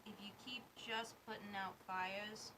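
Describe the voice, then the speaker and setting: A woman narrating a tabletop role-playing game as game master, in a slow, measured delivery. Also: medium pitch, steady tone. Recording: noisy stream audio.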